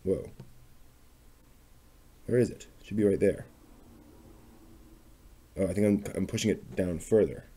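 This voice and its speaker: Working through a hands-on craft demo, this male vlog host chats casually and mutters to himself in a tentative way. He speaks low and dark-toned, at a measured pace with frequent pauses. Clicking and background noise come through on an otherwise clear recording.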